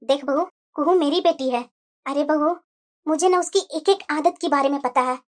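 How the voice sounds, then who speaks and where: A voice actor playing a stern older mother-in-law in a cartoon, lecturing slowly and firmly. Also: sits high, pitched below the performer's own voice, lightly acted. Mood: stern advising. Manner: slow, measured, lecturing. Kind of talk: cartoon voice acting.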